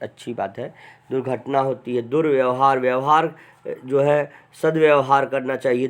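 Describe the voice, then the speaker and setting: A man teaching grammar, chatty, often adding "है ना" and dictating slowly. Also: mid-range voice. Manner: dictates word forms slowly and deliberately. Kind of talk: online class lecture.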